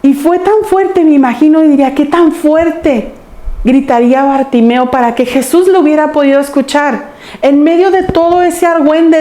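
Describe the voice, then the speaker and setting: Woman, high-pitched, earnest preaching, echoey church. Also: mellow. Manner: earnest storytelling preaching, addressing the congregation. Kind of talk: sermon. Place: church sanctuary.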